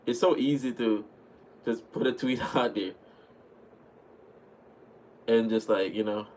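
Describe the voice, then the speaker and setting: A young Jamaican man in his twenties, with a Jamaican accent and a fairly low voice, chats casually on a livestream from a small room at home, reading and answering viewers' messages. He's relaxed and talkative, speaks slowly, and thanks his viewers often. The sound comes from a webcam at his desk, so the recording is rough with slight background noise.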